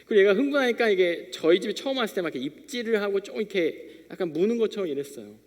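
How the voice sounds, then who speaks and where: Man, young adult, youth pastor, conversational sermon, acts out dialogues, high voice, long church-hall reverb. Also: expressive, racing. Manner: conversational storytelling preacher, acting out little dialogues. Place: church sanctuary.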